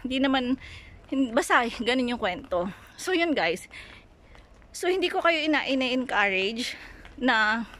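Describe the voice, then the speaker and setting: A woman's voice: on the high side, animated, unhurried, pauses often, fairly bright tone. A woman from the Philippines, chatty in a casual storytelling vlog, retelling conversations and talking to her viewers. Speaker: vlogger. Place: Greece.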